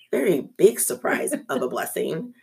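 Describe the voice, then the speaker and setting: A woman's voice: sits low, very animated, unhurried, vocal fry. A woman in her forties from California, a nervous, laughing podcast guest. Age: 40s. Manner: nervous, laughing, self-deprecating. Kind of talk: casual interview.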